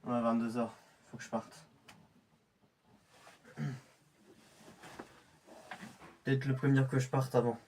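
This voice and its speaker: A man's voice: medium pitch, little pitch movement, fairly quick, darkish tone, recorded from a distance, slight background noise, close to an everyday voice. A man playing a young male infiltrator getting ready for a covert mission, often stammering and restarting his sentences in amateur web-drama style. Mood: muttering.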